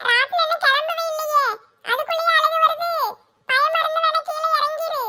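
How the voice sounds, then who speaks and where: Woman putting on a bold young woman, boastful, teasing, shrill high voice. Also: steady tone, normal speed, full character voice. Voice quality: very high and bright.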